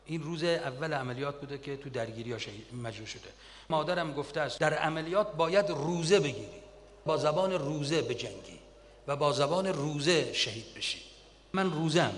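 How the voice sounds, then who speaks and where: A man's voice: on the high side, a bit bright, slight background noise. A man telling wartime stories in an earnest sermon style, his voice swelling with emotion, recorded in a reverberant hall.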